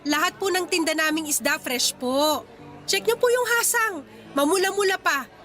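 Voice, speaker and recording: In a radio drama, a woman plays a young, cheeky market fish vendor with a Filipino accent, using pleading sales patter and teasing comebacks. She sounds eager and persuasive, her extremely high voice bright and forceful at a moderate pace.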